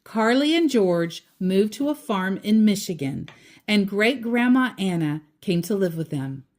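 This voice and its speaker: This storyteller, a woman with a mid-range voice, reads a children's book in an animated way. She takes it deliberately, short phrase by short phrase with pauses, and drops in casual asides along the way.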